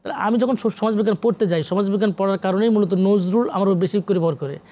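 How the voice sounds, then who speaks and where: A Bangladeshi man with a high, fast, dark-toned voice appears as a guest on an animated TV interview. He is a professor and literary researcher who explains things emphatically, lecturing and mixing in English academic terms.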